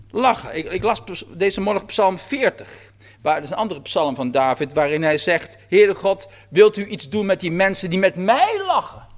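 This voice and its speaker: A man preaching a sermon verse by verse, animated and acting out God's words in quotes. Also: sits high. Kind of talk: sermon on a psalm.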